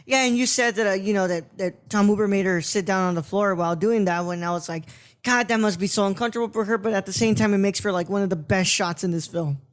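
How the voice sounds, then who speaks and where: A man's voice: high voice, quick pace, few pauses. A man hosting a casual film discussion podcast, rambling and searching for words as he talks. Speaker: podcast host.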